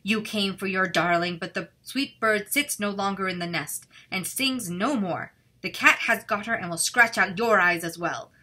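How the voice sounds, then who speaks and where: A woman voicing a hard-hearted old witch who scolds and mocks loudly, in a storybook reading. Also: medium pitch, normal speed, few pauses. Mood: mocking. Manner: loud, scolding, mocking.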